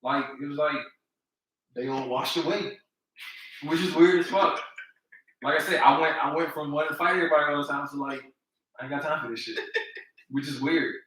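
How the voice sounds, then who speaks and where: A man's voice: on the high side, moderate pace, long pauses, a bit bright, very echoey, far from the mic, rough recording. A man in his thirties co-hosting a podcast, talking openly in casual chat. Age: 30s. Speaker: podcast co-host.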